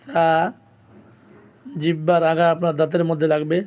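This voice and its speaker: A man's voice: high voice, level tone, moderate pace, dull audio. A man teaching the Arabic letters as a Quran lesson, patiently sounding out each letter and repeating it for learners. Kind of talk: slow step-by-step pronunciation lesson.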